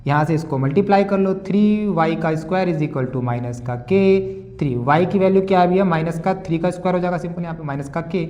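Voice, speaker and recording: A man's voice: on the high side, fast talker, darkish tone, lo-fi sound. A young male maths teacher solving board-exam problems, calling students "beta" and "bhaiya" and asking and answering his own questions. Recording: echoey room.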